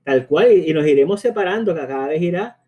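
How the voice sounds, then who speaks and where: A man with a Caribbean Spanish accent explains a language lesson in a conversational way, often checking in with tag questions and pausing to hesitate. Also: on the high side, lively intonation, highs cut off. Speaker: language teacher.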